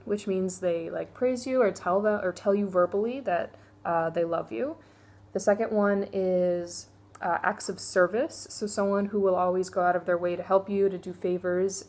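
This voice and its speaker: A young woman talks through a stack of books in a loose, candid way. Her pitch sits at an average height for a woman, and she fills her talk with "like" and "um" and frank side remarks. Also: a little mellow. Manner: chatty, candid, many fillers and asides. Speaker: book reviewer. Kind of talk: casual book review vlog.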